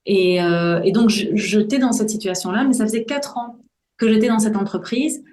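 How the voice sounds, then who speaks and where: A Belgian woman in her forties gives personal testimony as a podcast guest, earnest and reflective, searching for words. Her mid-range voice is a little mellow and moves at a moderate pace, and the reverberant room adds a roomy echo.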